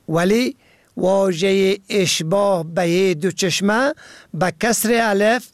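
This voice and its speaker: A man with an Afghan Dari accent reading a scripted radio program, slow and careful, spelling words out letter by letter. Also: high voice, no room sound, studio quality. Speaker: radio presenter.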